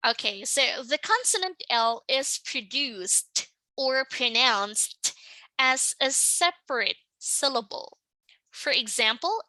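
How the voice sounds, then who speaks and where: A woman teaching English pronunciation in a slow, patient lesson, often checking in with the listener. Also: a little high, bright, forceful tone, no room sound, rough recording. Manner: patient, checks in with "right?" and "okay?".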